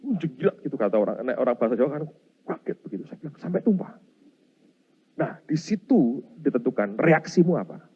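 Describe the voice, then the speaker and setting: A man's voice: medium pitch, fast talker, husky. A middle-aged man, preaching a sermon and acting out his story, often calling the congregation Saudara. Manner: animated, acts out scenes, addresses congregation as Saudara. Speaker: pastor. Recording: dull lo-fi sound.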